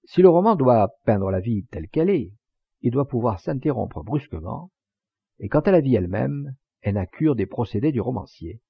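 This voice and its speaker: A man reading an enthusiastic gentleman orator, gravelly. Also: medium pitch, sing-song, moderate pace, no echo, heavily acted. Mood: declaiming. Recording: dull lo-fi dry recording.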